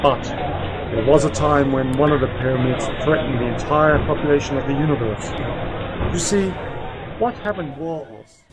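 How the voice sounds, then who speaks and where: A man's voice: medium pitch, normal speed, heavy background noise, natural voice. A man playing a clever, kindly time-travelling uncle in a radio drama, explaining things in a theatrical, teasing, self-assured way. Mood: breezy, teasing. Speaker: lead actor in a radio play.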